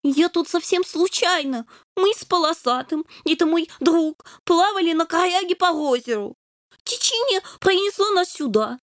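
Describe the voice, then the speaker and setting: A woman's voice: very high voice, lively intonation, normal speed, no echo, clean studio sound, pitched above the performer's own voice. A woman voicing an earnest little male ginger kitten who tells his story plainly and eagerly.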